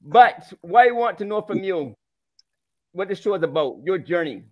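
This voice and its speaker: A man's voice: sits high, lively intonation, moderate pace, a little mellow. A man co-hosting a talk show interview over a video call, prompting his guest with short, friendly questions. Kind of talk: casual interview. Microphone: headset on a video call. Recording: somewhat dull video call audio.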